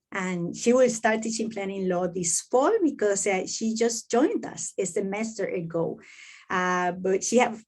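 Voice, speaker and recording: A middle-aged Venezuelan woman, a professor, gives an online information session to admitted students. Her medium-pitched, slightly dark voice is halting and hesitant, full of fillers and restarts.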